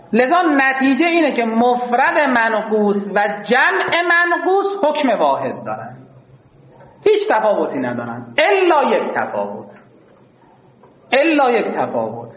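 A man teaching a class, who poses questions to his students and answers them himself, using formal polite phrases and repeating key points. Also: high voice. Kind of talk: grammar lecture to a class. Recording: echoey dull lo-fi recording.

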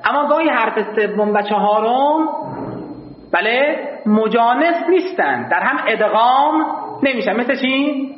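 A man teaching a grammar class, explaining patiently to his students and slowly chanting lines of classical verse. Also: very high-pitched, expressive, reverberant, big-room sound, lo-fi sound. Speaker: seminary teacher of Arabic grammar. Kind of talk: classroom lecture.

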